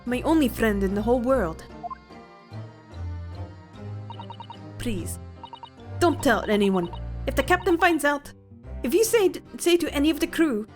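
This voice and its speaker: A woman's voice: a little high, very animated, moderate pace, long pauses, soft background music. A woman doing a timid, pleading young woman. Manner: soft, pleading, attempted Russian accent.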